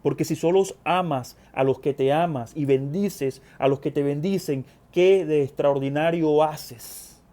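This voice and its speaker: A man's voice: a little high, normal speed, hardly any pauses, dark tone. A man preaching a sermon, reading scripture and speaking earnestly to his listeners, repeating phrases for emphasis. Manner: addresses brethren directly.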